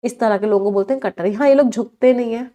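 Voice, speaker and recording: Indian woman teaching vocabulary, higher voice. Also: mellow. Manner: quizzing students, drawing out each English word slowly. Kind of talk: live online exam-prep class.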